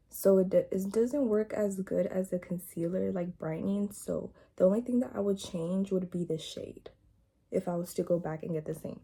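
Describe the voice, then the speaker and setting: A young woman chatting casually through a makeup tutorial at home, talking softly and sometimes in a whisper, with a groggy morning voice. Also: mid-range voice, breathy edge. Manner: soft, hushed talk, sometimes slipping into a whisper. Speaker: beauty vlogger. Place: home, indoors. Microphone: phone front camera.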